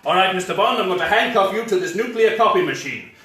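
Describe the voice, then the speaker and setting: A man's voice: high voice, animated, quick pace, sharp tone. A man voicing a gloating, gold-obsessed male villain with theatrical menace. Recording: roomy live stage sound from a distance.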